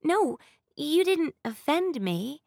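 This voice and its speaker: A woman's voice: a little high, animated, slow pace, no room sound, studio quality, voice pushed up. A woman voicing a blunt, stubborn young heroine who grumbles and snaps. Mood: soft. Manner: grumbling, snappish.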